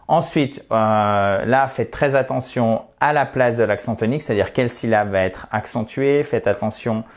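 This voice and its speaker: Male teacher, casual online lesson, chatty, reassuring, friendly asides. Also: fairly low pitch. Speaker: English teacher.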